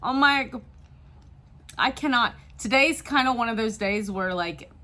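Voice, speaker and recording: A woman's voice: on the high side, measured pace, pushed and bright. A woman from the Midwest, a part-time reseller, chatting casually to camera while sniffly with a tickly throat. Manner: chatty and apologetic, with small laughs.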